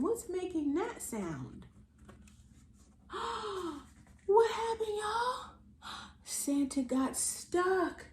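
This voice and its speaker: In a very high-pitched voice, an American storytime host reads aloud to kids with playful, over-the-top expression, speaking right to them and dramatizing the silly sound words. Light background noise and a roomy echo are audible.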